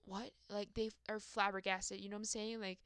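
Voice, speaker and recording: A woman's voice: medium pitch, level tone, fast, a bit bright, clear, resonant tone, dry recording, studio quality. A young adult woman in a rambling, profane, self-mocking casual rant about her work. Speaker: vlogger.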